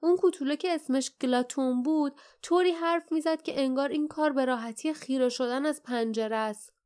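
A fierce young fighter woman with a raised, sharp, insistent voice that pushes each point hard. A woman puts her on while narrating an audiobook. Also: on the high side, close to an everyday voice.

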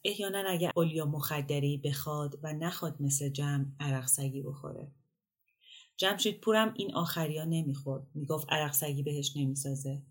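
A woman narrates a literary short story in a calm, measured way. Her voice sits low for a woman. The reading is steady and unhurried, like an audiobook. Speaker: story reader.

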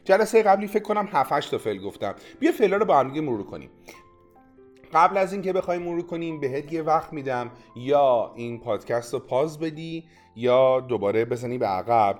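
A man teaching a podcast language lesson, coaching the listener directly with quick prompts, drills and praise. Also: medium pitch.

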